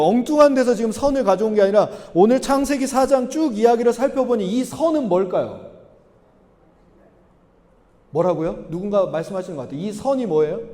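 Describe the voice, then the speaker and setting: A man's voice: extremely high pitch, mellow. A male pastor giving a sermon, often putting questions to the congregation and acting out Bible voices. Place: church sanctuary. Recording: long hall reverb.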